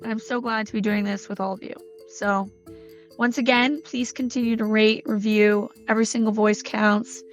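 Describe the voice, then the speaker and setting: A woman with a hoarse, croaky, slightly squeaky voice, chatting enthusiastically through a podcast intro. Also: little pitch movement, normal speed. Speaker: podcast host. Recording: dull lo-fi sound with soft music. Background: faint background music.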